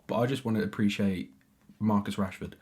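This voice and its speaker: A man's voice: on the low side, fairly even intonation, brisk, noisy background. A young man from Britain co-hosting a podcast in casual chat, talking earnestly and repeating his points for emphasis. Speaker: podcast co-host.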